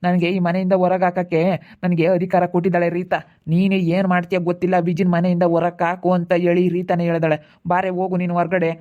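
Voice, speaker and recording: A woman playing a furious fast-talking in-law. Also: on the low side, completely flat delivery, highs cut off, lightly acted. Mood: angry. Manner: shouting, harsh, rapid. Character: angry in-law throwing someone out of the house.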